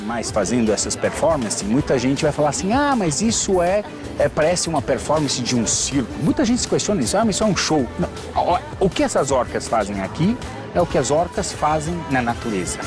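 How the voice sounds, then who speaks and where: A man's voice: on the high side, big pitch swings, brisk, music in the background. A man arguing a point informally, mimicking what objectors would say.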